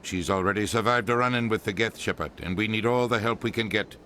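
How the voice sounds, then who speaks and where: Brisk, authoritative official, bright timbre, for a game. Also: male voice, lowish voice, slight background noise. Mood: firm.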